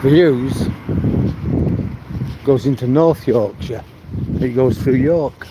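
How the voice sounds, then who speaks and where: A livestream vlogger from Manchester, England, with a mixed northern English accent, walks a riverside promenade while chatting casually with viewers. He's chatty and answers comments by name, speaking slowly at a medium pitch, with background noise present.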